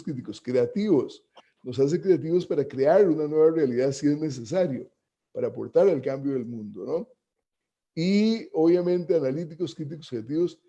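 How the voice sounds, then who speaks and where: A man's voice: medium pitch, creaky, mellow. A man hosting a talk show, lecturing in a didactic way with rhetorical questions and frequent tag questions. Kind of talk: reflective talk-show monologue. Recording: dull lo-fi broadcast audio.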